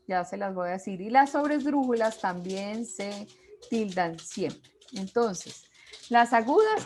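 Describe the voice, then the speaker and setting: A woman teaching a class over a video call, her voice sitting a little high. She talks slowly and deliberately, reading lists of example words one at a time and pausing to ask the class questions. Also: slight background noise. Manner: slow, deliberate, reads out word lists. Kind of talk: online class lecture.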